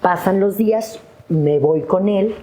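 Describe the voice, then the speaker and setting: A middle-aged woman, a podcast guest telling a painful personal story and acting out her own past words in sudden high bursts. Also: slow pace, warm tone, slight background noise.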